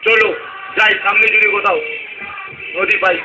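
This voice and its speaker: A man's voice: high voice, little pitch movement, normal speed, over music, lightly acted. A man playing a puzzled, curious male traveler in a stage play, asking bewildered questions. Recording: echoey hall with audience noise.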